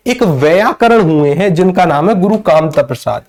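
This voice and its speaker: High-voiced male teacher. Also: lively intonation, moderate pace, a little mellow. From northern India. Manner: repetitive, asks and answers his own questions; greets and answers viewers by name. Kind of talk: live online grammar lecture.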